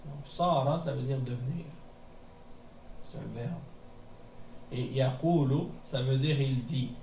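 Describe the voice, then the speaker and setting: A man teaching a beginners' class in a mosque classroom, explaining patiently and repeating words slowly, often checking with "hein?". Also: mid-range voice, gravelly, dark tone. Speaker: Arabic teacher. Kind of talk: classroom lesson. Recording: echoey room from a distance, faint noise.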